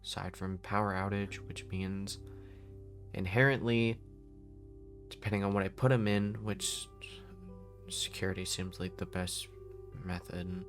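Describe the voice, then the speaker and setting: A man playing a weary, deep-voiced leader. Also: flat delivery, a little slow, long pauses, faint music behind. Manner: rambling, reasoning aloud, frequent restarts. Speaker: roleplay lead. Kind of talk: casual voice-acted roleplay.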